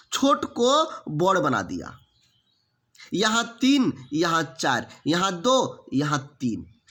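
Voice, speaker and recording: A man runs an online exam-prep class, speaking slowly and with care. His voice sits high and bright, and it swings widely as he keeps quizzing his students. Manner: lively, asks the class repeated check questions.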